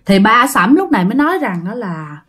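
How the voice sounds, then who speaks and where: A woman's voice: on the high side, big pitch swings, a little fast, a bit bright. A woman telling a ghost story in a chatty way, often addressing her listeners.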